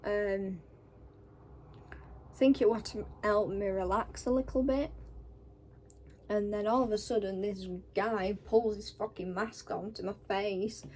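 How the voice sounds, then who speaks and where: Woman, Northern English accent, after wisdom-tooth removal, weary, sore scratchy throat, slow pace, casual storytelling, faint background noise. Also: medium pitch, fairly even intonation, a little mellow. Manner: sweary, blunt. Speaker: vlogger. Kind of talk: casual personal storytelling to camera.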